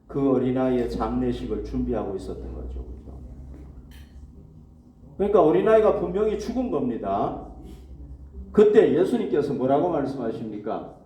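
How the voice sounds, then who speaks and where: Pastor preaching in an echoey church hall. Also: male voice, mid-range voice, big pitch swings, normal speed, pauses often, warm tone, distant mic, a little hiss or hum. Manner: asks the congregation questions and answers them himself. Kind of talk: sermon.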